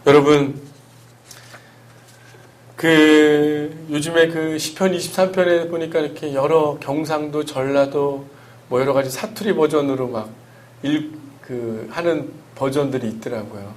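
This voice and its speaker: A man's voice: on the high side, steady tone, measured pace. A man, a pastor, preaching an earnest sermon with emphatic rhetorical questions to his congregation.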